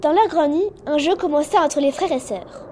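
A woman narrating a children's animal story in a calm, even storytelling voice. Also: high-pitched, moderate pace, a little hiss or hum.

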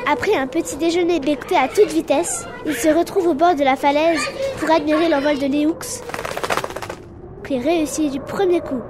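High-voiced woman narrating a storybook. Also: steady tone, moderate pace, noisy background.

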